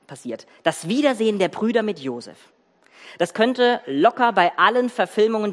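A preacher giving a sermon, retelling a Bible story with emphatic, animated storytelling and pauses for effect. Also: medium pitch. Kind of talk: sermon with dramatic Bible reading. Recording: reverberant church hall.

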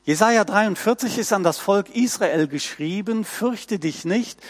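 A man preaching a sermon, reading scripture in a slow and measured way with emphatic rises. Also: sits high, animated.

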